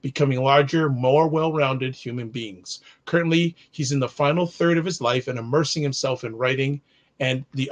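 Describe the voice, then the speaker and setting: A man from Canada hosting a live online talk show, reading a formal introduction of his guest and then chatting loosely with him. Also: mid-range voice. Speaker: host.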